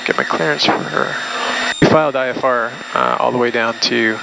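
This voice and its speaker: A man flying a small plane, calmly calling out checks and radio calls through his pilot's headset in the cockpit. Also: mid-range voice, normal speed, creaky. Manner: calm, matter-of-fact checklist callouts. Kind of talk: talking through a flight while flying. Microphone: pilot's headset mic. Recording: loud engine noise in the cockpit.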